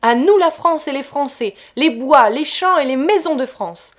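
A woman voicing an arrogant, drunk young Prussian officer who taunts loudly and fakes a clumsy accent. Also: mid-range voice, big pitch swings, unhurried. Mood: taunting. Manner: loud taunting, fake German-tinged pronunciation.

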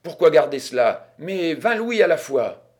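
A male audiobook narrator plays an old grandmother at the gambling table, stubborn and excitable, shrilly scolding and insisting. He takes it unhurried, and she comes across exultant.

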